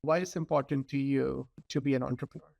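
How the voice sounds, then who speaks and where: A man's voice: medium pitch, steady tone, quick pace, gravelly, a little mellow, highs cut off. A man who hosts a business podcast, asking loosely phrased questions and responding appreciatively, a first-generation immigrant himself. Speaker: podcast host. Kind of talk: conversational interview.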